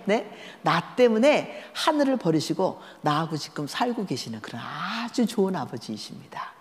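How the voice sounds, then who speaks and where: A woman giving a storytelling sermon at a church seminar, talking conversationally and asking the listeners questions. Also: on the low side. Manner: lively, conversational, asks the audience questions. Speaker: guest lecturer at a church seminar. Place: large church sanctuary. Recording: echoey church hall.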